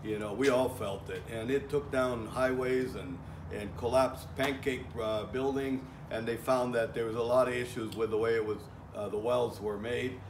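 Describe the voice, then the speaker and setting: A middle-aged man instructs on welding in a casual outdoor talk, speaking plainly with frequent fillers and restarts. His voice is mid-range, his intonation fairly even, his speed normal. The recording comes from a far camera and sounds echoey, with faint ambient noise.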